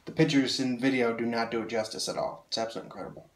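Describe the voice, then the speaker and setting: Talking very fast in a mid-range voice, a young collector gushes about a sword in rambling, filler-packed casual speech, slightly nasal from a cold. Slight background noise and a roomy echo come through from his small sword-filled room, recorded on a camera mic several feet away.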